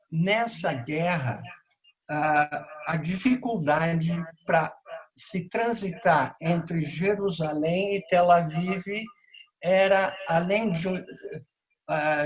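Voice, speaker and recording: Very slow, halting man asking a question. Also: a little high, rough recording. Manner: slow and halting, long pauses. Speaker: audience member asking a question. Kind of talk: casual spoken question.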